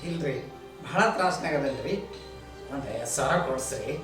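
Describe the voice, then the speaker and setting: An actor playing a humble, indebted farmer who pleads deferentially in a North Karnataka Kannada accent. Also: male voice, medium pitch, normal speed, close to an everyday voice. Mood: pleading. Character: poor, humble farmer in debt. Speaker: struggling farmer. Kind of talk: village short film acting. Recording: roomy distant mic with music.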